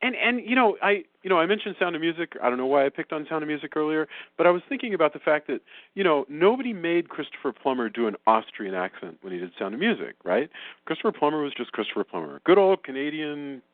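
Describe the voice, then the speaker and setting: A man hosting a casual film review podcast, talking in an animated, rambling way with many restarts. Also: a little high, fast talker, dry recording. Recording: phone-like remote call line.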